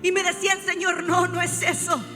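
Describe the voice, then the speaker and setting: A woman pastor delivering an impassioned sermon in a church, often rising to shouts. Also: very high-pitched, flat delivery, fairly quick, big-room sound, over music. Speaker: prophet and pastor. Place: church sanctuary.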